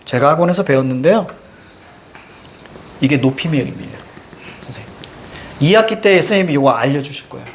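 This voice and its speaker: A man teaching a literature lesson in a lively, joking way, with a voice pitched a little high. His intonation leaps up and down, and he breaks into loud outbursts now and then. A faint hum of ambience sits under his voice. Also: fairly quick, pauses often. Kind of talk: lecture to students.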